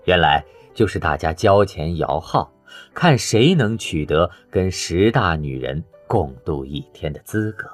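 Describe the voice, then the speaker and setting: A man narrating an audiobook in an expressive storytelling way. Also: sits low, a little slow, soft background music.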